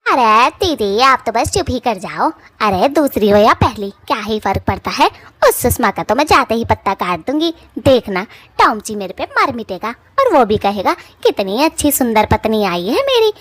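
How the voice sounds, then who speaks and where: A brash bald witch from a cartoon story, voiced by a woman, all boasting and backtalk. She speaks in a fairly high voice with a rough, taunting village manner, and the recording is close and dry. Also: big pitch swings, normal speed, hardly any pauses, fairly bright tone, no room sound. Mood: boastful, defiant. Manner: mouthy village taunting speech, whiny when scared. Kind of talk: cartoon voice acting.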